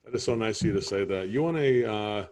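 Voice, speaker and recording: Low man, rambling homeowner in a sales role-play, keeps checking you follow. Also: fast, a little mellow. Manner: rambling, keeps asking "you see what I'm saying". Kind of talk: improvised training role-play.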